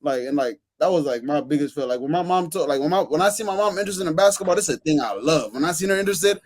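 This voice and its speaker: A man on a podcast panel, telling excited stories in casual chat, full of restarts and fillers. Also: a little high. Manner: excited, rapid storytelling with many restarts and fillers.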